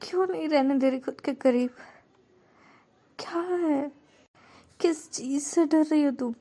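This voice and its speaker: A woman voicing a fiery, protective young woman in an audio love story, shouting and pleading high and loud. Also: unhurried.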